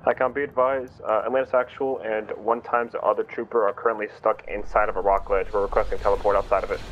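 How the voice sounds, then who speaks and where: Man over walkie talkie radio, quick. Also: fairly low pitch, little pitch movement. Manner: clipped and businesslike. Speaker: player calling in a squad. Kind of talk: military radio procedure. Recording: muffled radio with noise.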